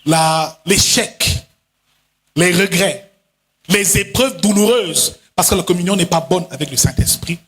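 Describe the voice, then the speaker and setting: A male pastor preaching a sermon in a chanting, sing-song style, now and then breaking into shouted lines and quickly acting out other voices. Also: high-pitched. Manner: acts out voices in quick asides. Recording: long hall reverb.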